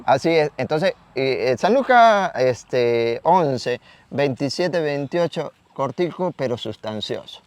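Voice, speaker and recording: A man's voice: medium pitch, lively intonation, slow, dry recording. A man from Venezuela giving an emphatic daily Gospel reflection, repeating words and asking rhetorical questions. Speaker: preacher.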